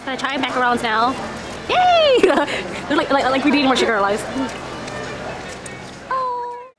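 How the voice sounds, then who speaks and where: Giggly high-pitched woman at a loud market. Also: brisk, over music, poor audio. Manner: giggly, squealing with excitement. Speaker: vlogger. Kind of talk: casual vlog chat. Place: busy outdoor farmers market. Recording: loud crowd and street noise.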